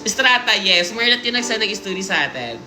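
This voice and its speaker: Animated woman host reading stories, echoey room. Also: medium pitch, brisk. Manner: animated storytelling, Taglish, jokes and asides. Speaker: livestream host. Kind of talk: reading listener stories aloud on a live stream. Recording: roomy sound with music playing behind.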